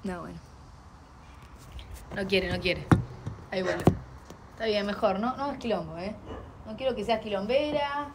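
A woman's voice: mid-range voice, measured pace, long pauses. A young woman with a Rioplatense accent, chatting casually on a live stream at home and talking to her dog. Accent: Rioplatense Spanish. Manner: chatty, playful, talks to her dog and chat. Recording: noisy home stream audio.

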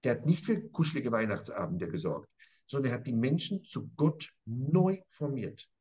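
A man's voice: mid-range voice, very animated, normal speed, a little mellow, husky, dull audio. A man lecturing as a professor on a Bible passage, emphatic and repetitive, often turning to his interviewer by name. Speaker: professor teaching scripture. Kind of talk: animated conversational Bible lesson.

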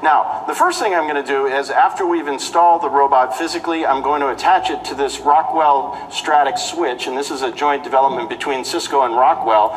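A man's voice: medium pitch, a little fast, few pauses, slight background noise, poor audio. A middle-aged man running a live technical demo on a conference stage, explaining each step in turn. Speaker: product demonstrator.

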